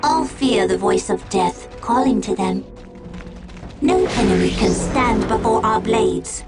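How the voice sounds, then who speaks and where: A woman's voice: medium pitch, a little slow, natural voice. A woman voicing a grim, solemn alien warrior who proclaims death and doom with menace in a video game. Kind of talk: video game unit voice lines. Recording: loud game music behind. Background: loud music.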